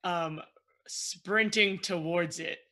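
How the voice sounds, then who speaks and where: A man with a high, strikingly bright and sharp voice plays a tabletop roleplaying game. He talks casually as he works out and describes his character's moves. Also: takes it slowly.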